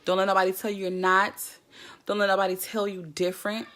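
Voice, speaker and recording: A woman's voice: mid-range voice, little pitch movement, brisk, a bit bright, soft background music. A woman from Jackson, Mississippi, chatting casually on a livestream and greeting viewers by name. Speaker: livestream host.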